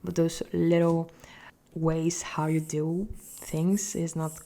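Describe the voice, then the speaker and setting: A young woman with a Polish accent, talking casually through a drawing tutorial, hesitant and repeating words, sometimes dropping into soft whispers. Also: deep voice, flat delivery, takes it slowly. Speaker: art tutorial host.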